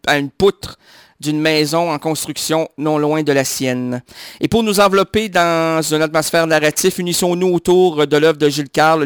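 A man's voice: on the high side, a bit bright, clean tone, no echo, clean studio sound. A man hosting a radio show in a playful, joking, chatty way. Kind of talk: casual radio chat.

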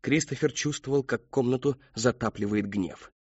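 Brief: a man narrating an audiobook, husky, mid-pitched, dull dry sound. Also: normal speed, dry recording. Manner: steady dramatic storytelling. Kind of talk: scripted narration.

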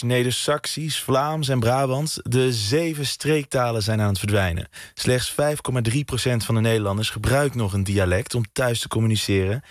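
A man hosting a night radio show, interviewing a guest and reading a news item in a calm, steady way. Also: mid-range voice, dry recording, studio quality. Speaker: radio host.

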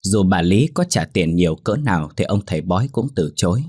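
A man narrating a scripted ghost story in a steady, somber way. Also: low-pitched, fairly quick, slightly rough, no room sound, studio quality.

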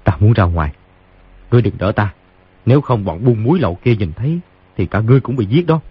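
A man's voice: on the low side, lively intonation, quick pace, husky, dry recording. A man voicing a fierce, wounded, bearded swordsman who growls out his words in a storybook audio drama. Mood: weak, hushed. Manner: roaring threats, then weak and breathless. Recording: dull lo-fi audiobook recording.

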